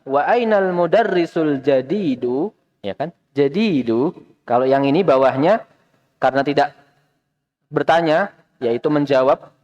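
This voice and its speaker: A man's voice: fairly high pitch, darkish tone, highs cut off. A man with an Indonesian accent, teaching an Arabic class in a mosque and patiently questioning his students.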